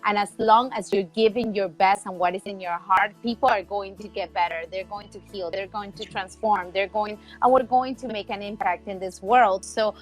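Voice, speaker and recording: A woman's voice: medium pitch, steady tone, moderate pace, hardly any pauses, faint music behind. A woman hosting a podcast interview, bubbly and enthusiastic, giggling often. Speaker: podcast host. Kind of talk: casual interview chat.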